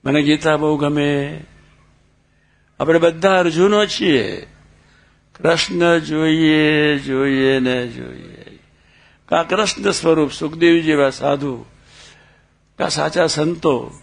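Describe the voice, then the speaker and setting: A man's voice: on the high side, takes it slowly, creaky, long pauses. A man telling personal stories in a sermon, acting out dialogue and asking the listeners questions. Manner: tells anecdotes with quoted dialogue and asks the audience questions. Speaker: religious speaker. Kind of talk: storytelling sermon.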